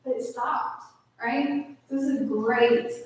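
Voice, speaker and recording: A woman therapist presenting a workshop in a casual, lively way, often acting out what clients say. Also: fairly high pitch, takes it slowly. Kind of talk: conference workshop talk. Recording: echoey hall from far off, faint noise.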